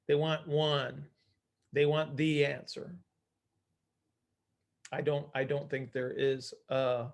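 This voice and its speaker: A man with a creaky, mid-range voice leads an informal group call as its coach. He teaches emphatically, asking questions only to answer them himself, and often tags on "right?".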